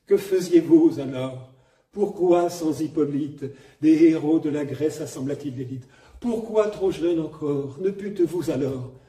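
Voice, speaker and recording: A man's voice: on the high side, warm tone, close to an everyday voice. A man declaiming Phèdre, lovesick queen. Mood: impassioned. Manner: classical verse declamation, slow and weighted syllables. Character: Phèdre, queen confessing forbidden love. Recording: echoey room from a distance, faint noise.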